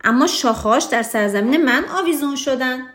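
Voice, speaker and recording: A woman's voice: high voice, fairly bright tone. A woman voicing a proud, stubborn king in a children's storybook, talking in a raised, insistent way. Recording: roomy echo.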